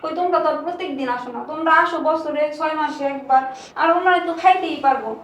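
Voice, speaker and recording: A woman as a high-voiced young wife, urgent and argumentative, recorded from a distance. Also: fast talker, close to an everyday voice. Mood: explaining. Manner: urgent, hushing then shouting back. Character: stingy young wife defending herself to her husband. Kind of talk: amateur short-film acting. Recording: echoey room from far off.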